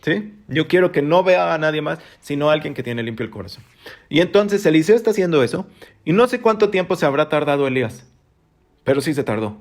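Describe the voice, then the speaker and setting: Animated preacher man. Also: on the high side, fairly quick. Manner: animated, big swings between loud and hushed, sound-effect interjections. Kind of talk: sermon teaching.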